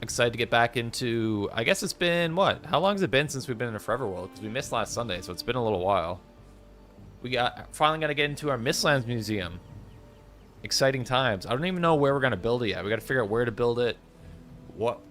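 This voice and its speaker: A man's voice: medium pitch, expressive, fast talker, a bit bright, soft background music. A man with a cold and a congested voice, chatting casually with viewers as he streams a game. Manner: chatty, rambling, greets chat by name. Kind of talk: casual live-stream chat.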